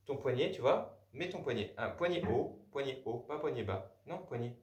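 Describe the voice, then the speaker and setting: A man of medium pitch and normal speed runs a cello master class, frequently correcting his student with "non" and animatedly singing the bow rhythms. The setting is a rehearsal hall with cello playing. It's a roomy, distant, dull recording where the cello is loud.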